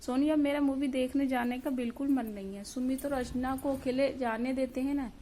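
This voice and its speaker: A woman narrator reading the gentle, concerned lines of a caring, patient husband. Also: high voice, fairly even intonation, brisk, a little hiss or hum, natural voice.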